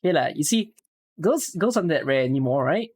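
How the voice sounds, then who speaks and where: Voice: mid-range voice, expressive, fast talker, a little mellow, no echo. A livestreamer with a Malaysian or Singaporean accent chatting casually to viewers in slangy English full of local particles and exclamations.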